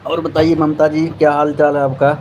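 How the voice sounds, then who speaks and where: A man's voice: fairly high pitch, flat delivery, fairly quick, darkish tone, muffled recording, slight background noise. A man with an Awadhi accent hosting a casual live stream, chatting with viewers and thanking them by name.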